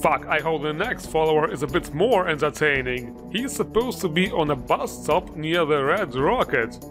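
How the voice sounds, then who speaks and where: A man with a slightly high voice delivers a sarcastic video game review. He sounds sardonic and exasperated and swears freely. Music plays faintly behind him. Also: animated, moderate pace. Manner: sardonic, exasperated, foul-mouthed. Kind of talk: sarcastic scripted review narration.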